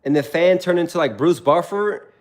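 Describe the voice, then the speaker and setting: A man's voice: fairly high pitch, normal speed. A young man chatting casually on a livestream, telling stories with animation and reading viewers' comments aloud. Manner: animated storytelling, reads chat aloud.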